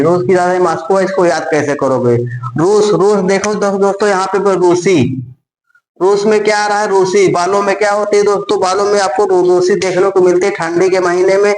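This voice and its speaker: A man's voice: high voice, roomy sound, poor audio. A man teaching an exam-tips lesson, repeating phrases and often restarting words. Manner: repetitive, keeps addressing friends.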